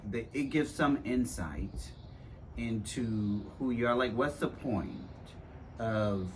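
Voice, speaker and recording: A man in a casual conversation, talking in a halting way and often restarting as he searches for words. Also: medium pitch, expressive, slight background noise. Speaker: conversation partner.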